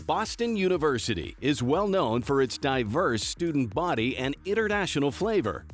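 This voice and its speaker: A man's voice: on the high side, very animated, normal speed. A man delivering polished, promotional scripted narration for a sports show. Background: music.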